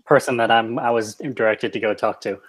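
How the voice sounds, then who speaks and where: Casual male tabletop player, medium pitch. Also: steady tone, brisk, no room sound. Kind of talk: casual in-game chat.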